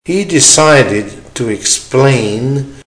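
A man reading a dictation exercise as a teacher, in short, measured, deliberate phrases with punctuation spoken aloud. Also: medium pitch, lively intonation, poor audio. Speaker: language teacher giving dictation.

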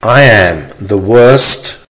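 A man reading an English-lesson dictation aloud in short, deliberate, carefully measured phrases, repeating them and speaking the punctuation. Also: lowish voice, expressive, fairly bright tone. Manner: deliberate, measured enunciation with pauses. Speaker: language teacher reading dictation.

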